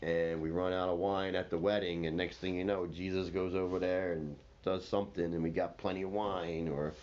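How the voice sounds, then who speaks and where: A man's voice: sits low, level tone, normal speed, a little mellow, close to an everyday voice. A man voicing Mary as an unfazed woman who rambles matter-of-factly. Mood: resigned. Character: unfazed woman, Mary, used to strange events. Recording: slightly dull with faint noise.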